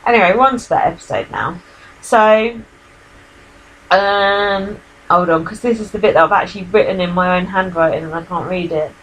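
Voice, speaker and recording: A woman's voice: fairly low pitch, moderate pace, fairly bright tone, rough recording. A woman co-hosting a casual podcast from home, recapping with plenty of swearing and laughter. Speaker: podcast co-host. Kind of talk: casual chat. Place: home, with a cat.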